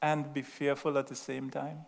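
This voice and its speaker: A middle-aged man with a Trinidadian accent preaches a sermon full of asides and stories, his voice a little high and flat with vocal fry, at moderate pace. He's chatty, laughs at himself, and keeps asking the room "right?"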